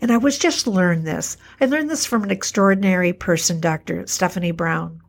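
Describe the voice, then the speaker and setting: A middle-aged woman, an alternative health practitioner, hosts a podcast alone, speaking in an earnest, reflective way. Her lowish voice is a little hoarse today, and she repeats herself and slows down for emphasis.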